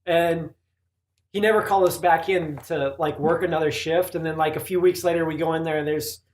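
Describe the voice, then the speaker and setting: A man's voice: a little high, steady tone, a little fast, a little mellow. A man co-hosting a casual podcast in an easygoing way, often chiming in to agree. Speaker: podcast co-host. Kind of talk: casual chat among friends. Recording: echoey room.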